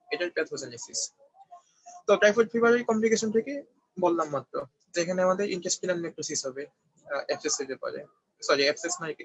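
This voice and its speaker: A young man from Bangladesh gives an online medical review lecture, explaining things step by step and often checking that students follow. His voice is high-pitched and husky, captured in a dull, slightly lo-fi, dry recording with no echo.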